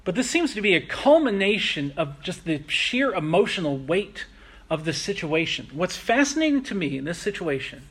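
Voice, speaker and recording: A man preaching a sermon, earnest and reflective, slowing down to stress key phrases. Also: a little high, a bit bright, breathy edge. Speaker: pastor.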